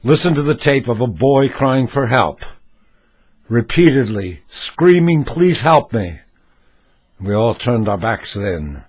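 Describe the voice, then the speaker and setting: Man, husky, slow-paced, very lively pitch; emphatic homemade commentator. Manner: emphatic and demonstrative. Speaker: amateur video maker.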